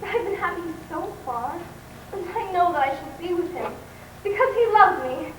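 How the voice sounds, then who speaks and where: A genteel young woman speaks earnestly in a very high voice, played by an actress. The vintage radio recording sounds roomy and distant. Steady hiss runs underneath. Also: normal speed. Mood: defiant. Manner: earnest, polite, flustered when pressed. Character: young woman, proper and spirited.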